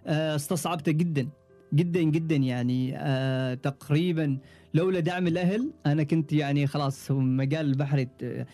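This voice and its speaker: A young man with an Omani Arabic accent, speaking fast in a slightly raised pitch. His tone is warm and mellow as he relaxes into casual storytelling, often trailing off and restarting his thoughts. Faint music sits quietly behind his voice. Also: steady tone. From Oman. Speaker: podcast guest, ship engineer. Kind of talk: casual interview chat.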